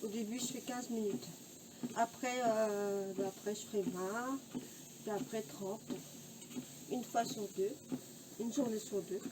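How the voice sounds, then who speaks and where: A woman's voice: medium pitch, fairly even intonation, a little slow, long pauses. A woman chatting casually while filming her home workout, out of breath and full of fillers. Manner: chatty, filmed mid-exercise, filler-heavy. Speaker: fitness vlogger. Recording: distant mic, noisy home room.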